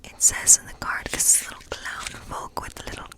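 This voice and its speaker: The speaker, an ASMR performer, plays a warm-hearted witch reading tarot in her woodland home. Her whisper is breathy and gentle, and her slow pace carries calming reassurance.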